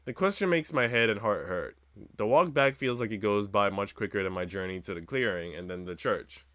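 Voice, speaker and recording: Visual novel music from the game sits under this recording of a male streamer reading first-person story lines aloud. His voice leans low, a touch bright, and moves along fairly quickly.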